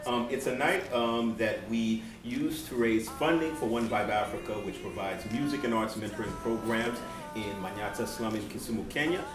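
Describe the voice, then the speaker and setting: A man in his thirties from Seattle, a guest answering in a relaxed, earnest way during a live on-stage interview. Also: fairly low pitch, moderate pace. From Seattle, USA. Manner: relaxed and earnest, many "um" fillers. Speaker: guest, board member of a nonprofit. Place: event venue with live audience. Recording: echoey venue, distant mic, music behind.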